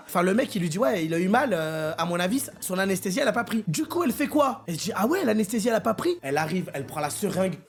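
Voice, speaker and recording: A man's voice: high voice, quick pace. Slangy young man telling a wild story. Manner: animated, slangy, acts out scenes with big swings. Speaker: streamer. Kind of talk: casual storytelling to viewers.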